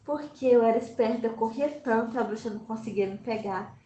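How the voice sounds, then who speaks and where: A woman's voice: fairly high pitch, brisk, dark tone, lo-fi sound, lightly acted. A woman voicing a playful young girl who boasts in a teasing way. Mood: boastful. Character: playful girl spinning tales of witches. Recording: roomy with faint background noise.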